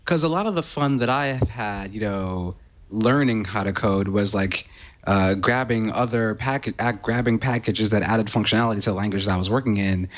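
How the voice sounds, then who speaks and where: A man appearing as a guest programmer, explaining casually and haltingly with lots of ums and restarts. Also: on the low side. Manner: hesitant, full of ums and restarts. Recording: dull lo-fi sound.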